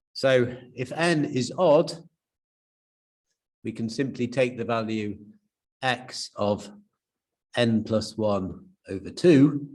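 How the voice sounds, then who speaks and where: A man's voice: mid-range voice, darkish tone. Man lecturing on statistics. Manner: explanatory, with frequent fillers and restarts. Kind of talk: university lecture.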